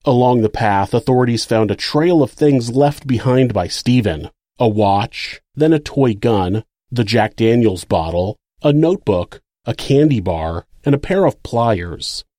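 A man's voice: medium pitch, lively intonation, measured pace, dark tone, no room sound, studio quality. A man with an American accent reading scripted true crime narration as the narrator of the case.

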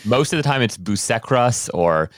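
A man in his thirties from Hawaii, a guest chatting casually and relaxed, talking from a small closet home studio. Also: medium pitch, moderate pace, dry recording. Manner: relaxed, chatty, many fillers and restarts. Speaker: guest, business owner. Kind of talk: casual conversational interview.

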